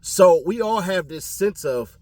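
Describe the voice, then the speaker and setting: A man from California giving casual commentary on his channel, animated and slangy, often laughing. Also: high-pitched, measured pace, no room sound. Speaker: commentary vlogger.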